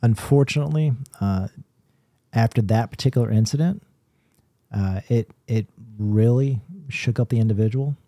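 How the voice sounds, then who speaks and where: A man co-hosting a paranormal podcast, explaining his views in a measured casual way with restarts. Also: mid-range voice, dark tone, no room sound, clean studio sound. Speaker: podcast co-host, paranormal investigator. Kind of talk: casual chat.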